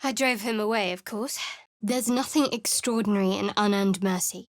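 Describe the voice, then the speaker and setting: A woman voices a guarded, sardonic young female cleric for a video game, speaking in a dry, wry, secretive way. Her mid-range voice moves at a moderate pace and sounds natural, with no echo.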